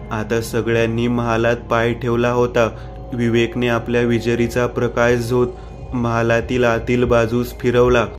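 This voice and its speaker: Monotone male horror storyteller. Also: medium pitch. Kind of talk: scripted horror narration.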